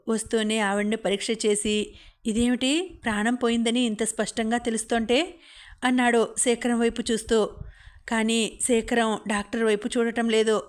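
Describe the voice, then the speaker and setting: A woman reading a novel aloud as an audiobook, narrating in an even, unhurried way with the characters' lines read inside the story. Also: a little high, smooth. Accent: Telugu.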